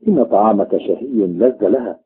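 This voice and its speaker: A man voicing a cunning trickster god who speaks calmly and deliberately, on a tinny, phone-like recording. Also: on the low side, lightly acted. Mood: sly. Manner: calm and measured.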